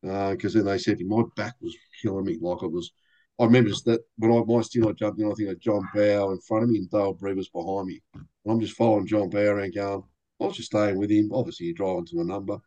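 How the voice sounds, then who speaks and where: An older man talks in a low, relaxed voice as he tells racing stories on a podcast. He jumps into quoted voices now and then and keeps the tone casual and chatty. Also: fast talker, dull audio. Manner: animated anecdotes with quoted voices. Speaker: racing driver guest. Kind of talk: casual storytelling interview.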